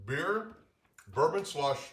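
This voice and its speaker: A man's voice: fairly high pitch, lively intonation, slow pace, reverberant, a loud crowd. A man from St. Louis hosting a casual bar show, upbeat and joking with his guest. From St. Louis, Missouri. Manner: upbeat, jokey, talks with mouth full. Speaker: host. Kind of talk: casual chat.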